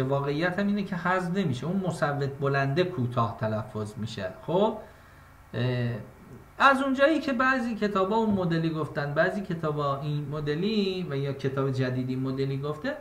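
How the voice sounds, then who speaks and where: A man teaching an exam-prep class on poetic meter. His voice sits a little high and rings in an echoey room. He talks to his students in a casual, step-by-step way and slows into a chant when he recites verses. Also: fairly bright tone. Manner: addresses students directly and casually.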